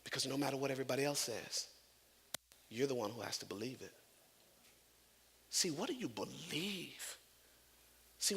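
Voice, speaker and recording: High, bright-voiced preacher in a reverberant hall. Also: male voice. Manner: dynamic preaching, swinging between hushed asides and loud climaxes. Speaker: pastor. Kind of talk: sermon. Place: church sanctuary. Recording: long reverb of a church hall.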